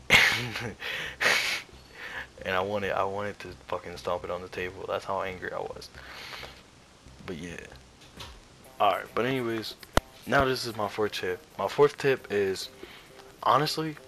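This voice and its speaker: In a rough recording with a bit of hiss or hum, a young man with a deep, pushed, bright voice gives casual commentary on competitive gaming tips. Shivering in the cold, he rambles, curses and restarts often, with faint music in the background.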